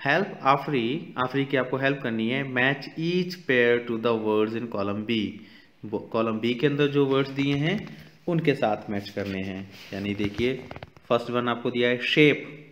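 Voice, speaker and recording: A male teacher going through a children's English textbook exercise, reading the English lines slowly and then explaining them quickly in Hindi. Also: mid-range voice, fairly bright tone. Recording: dull, echoey room recording.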